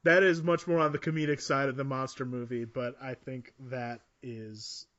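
A man's voice: mid-range voice, flat delivery, normal speed, a bit bright. A man co-hosting a casual movie podcast, talking in a hesitant way with many restarts. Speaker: podcast co-host. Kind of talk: casual chat about movies. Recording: slightly dull lo-fi audio.

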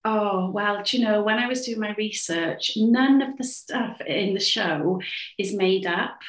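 A woman's voice: mid-range voice, unhurried. A woman from Cardiff with a Welsh accent, chatting informally as she answers interview questions about her work as a playwright. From Cardiff, Wales. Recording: echoey room sound.

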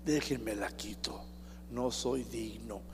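A man voicing an old man facing execution, speaking softly and partly in a whisper. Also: fairly low pitch, slow pace, big-room sound, noisy background. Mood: serene. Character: old martyr man, calm and faithful.

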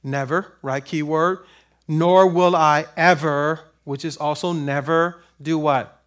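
A man's voice: a little high, steady tone, slow, a bit bright. A man preaching a sermon, reading verses and asking the congregation to finish his lines, building to emphatic peaks. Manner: call-and-response questions, rising to emphatic peaks. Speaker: pastor.

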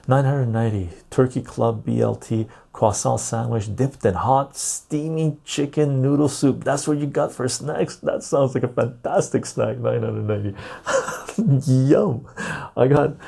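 A man hosting a casual live stream in a laid-back, jokey way, with a gravelly, husky voice, recorded on a clip-on lapel mic. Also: mid-range voice, mellow. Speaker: live stream and podcast host. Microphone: lapel mic clipped on.

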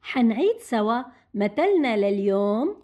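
A fed-up syrian neighbor lady, high voice, keeps trying to butt in, soft music under it. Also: sing-song, a little slow. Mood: wry. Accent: Syrian Arabic. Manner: exasperated, keeps trying to interrupt. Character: exasperated middle-aged neighbor woman, insecure about her looks. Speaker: comic audio drama actress. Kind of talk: comic radio-play acting.

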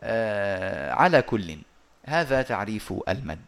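A man teaching a lesson over a video call, explaining step by step and pausing often on drawn-out hesitations. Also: fairly low pitch, very animated, vocal fry, fairly bright tone. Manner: measured and methodical, with frequent drawn-out hesitations.

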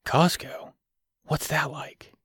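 An eager, wide-eyed grown man who gets thrilled by small things, read by a male audiobook narrator. The voice is smooth and clear, sitting a touch higher than the narrator's own. It is recorded dry and close. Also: expressive, moderate pace, dry recording. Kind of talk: audiobook character reading.

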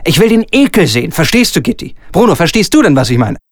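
A man's voice: fairly high pitch, very animated, quick pace, no echo, clean studio sound. A man doing a ranting, pompous theatre director. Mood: ranting, wheedling. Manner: ranting, lurching between sugary coaxing and shouting. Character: pompous, bullying male theatre director, middle-aged. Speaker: stage director. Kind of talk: solo reading of a comic radio scene.

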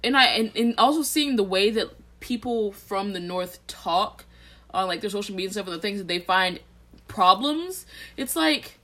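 A young woman from Texas with a Southern American accent, co-hosting a casual podcast chat and getting animated. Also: normal speed. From Texas, USA. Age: young adult. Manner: animated, swings up high when riled. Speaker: podcast co-host.

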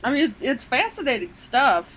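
A woman co-hosting a casual podcast chat, animated and laughing often, with casual swearing. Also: high-pitched, fairly quick, highs cut off, a little hiss or hum. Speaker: podcast co-host.

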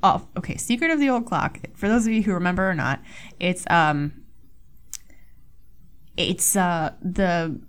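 A woman's voice: fairly low pitch, a little slow, pauses often, clean tone. A young woman hosting a podcast alone, chatting casually in a rambling, self-mocking way with frequent swearing. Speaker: podcast host. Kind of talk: casual solo podcast chat.

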